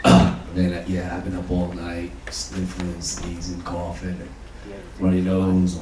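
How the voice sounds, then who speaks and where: A man voicing a grown man faking a weak, low, croaky sick voice to his boss, on a stand-up stage. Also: completely flat delivery, a little slow, a crowd in the background. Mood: feigning sickness. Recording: echoey, distant, very noisy live recording.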